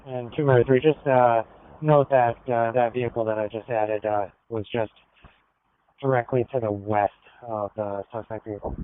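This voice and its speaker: A man talks over police radio, his mid-pitched clear voice squeezed into a narrow phone-like band. He passes on information in halting phrases. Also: steady tone, no echo. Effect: police radio transmission. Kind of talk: police and fire radio exchange. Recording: phone-like narrowband scanner audio.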